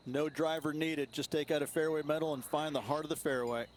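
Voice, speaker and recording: A man's voice: on the high side, fairly even intonation, a little fast, a little hiss or hum, close to an everyday voice. A man playing a golf co-commentator, offering approving colour commentary in a video game broadcast style.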